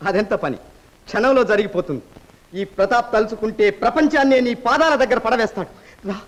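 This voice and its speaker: A pompous, leering villain. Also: male voice, high-pitched, expressive, a little fast, low-quality recording. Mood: threatening. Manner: pompous, menacing, theatrical declamation. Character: scheming, lustful villain Pratap, a young nobleman. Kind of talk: 1950s film melodrama acting.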